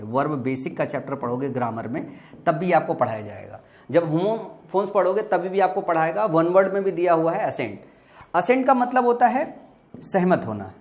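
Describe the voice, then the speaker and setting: A young man teaching an exam-prep vocabulary lesson, explaining patiently and asking and answering his own questions. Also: high voice. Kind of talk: exam-prep lesson, Hindi mixed with English.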